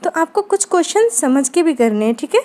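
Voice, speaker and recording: A woman with a high, warm voice teaches an exam-prep literature lesson. She explains each point step by step, often pausing to check that her students follow. Her tone is patient and conversational, recorded on a close mic. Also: sing-song. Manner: explanatory, frequent "ठीक है दोस्तों" check-ins.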